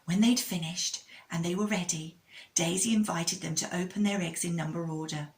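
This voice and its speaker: A woman speaking as a kids show host, telling a children's story with a religious lesson in an expressive way and addressing young listeners directly. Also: fairly low pitch, normal speed, low-quality recording.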